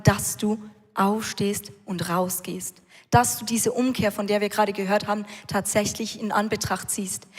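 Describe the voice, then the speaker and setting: A woman preaching a sermon who speaks straight to the listener and builds up to passion. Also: on the high side. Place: large church hall. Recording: reverberant church hall.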